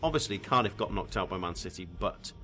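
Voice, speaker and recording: A man hosting a casual football chat, relaxed and hesitant, often restarting his phrases. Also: low-pitched, quick pace, slight background noise. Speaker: podcast host.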